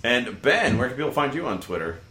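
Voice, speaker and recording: A man's voice: medium pitch, very animated, a little fast, bright, forceful tone, a little hiss or hum. A man with a Southern California surfer accent hosting a casual sports podcast in an echoey room. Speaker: podcast host.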